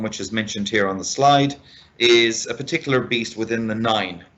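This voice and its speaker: A man's voice: mid-range voice, a bit bright. A man giving an expert step-by-step business presentation, methodical and speaking straight to his listeners. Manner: methodical, deliberate, addresses listeners directly. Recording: dull, lo-fi band-limited sound.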